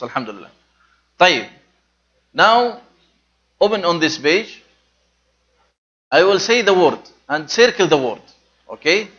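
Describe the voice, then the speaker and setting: A man teaching an Arabic class online, switching between Arabic and English and repeating each word slowly for his students to say after him. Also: fairly high pitch, bright, forceful tone, dull audio.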